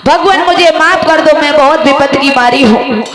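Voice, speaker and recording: A woman's voice: high voice, moderate pace, lightly acted. A woman voicing a distraught young woman who pleads sorrowfully for refuge in a live folk story. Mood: pleading. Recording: echoey live mic with loud crowd.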